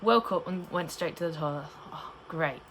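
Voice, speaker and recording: Low-voiced young woman vlogging. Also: normal speed, a bit bright, a little hiss or hum. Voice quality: cannot pronounce P in the middle of words. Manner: chatty, rambling storytelling. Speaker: pregnancy vlogger. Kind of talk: casual chat to camera.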